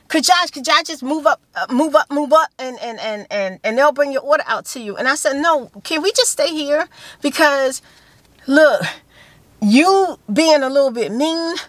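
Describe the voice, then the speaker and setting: A woman's voice: high voice, no echo. A woman, telling a story to camera in a casual chat from inside a parked car, gesturing a lot and repeating herself for emphasis. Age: 50s. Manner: animated storytelling with hand gestures and repeated phrases. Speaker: vlogger. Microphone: phone camera held close.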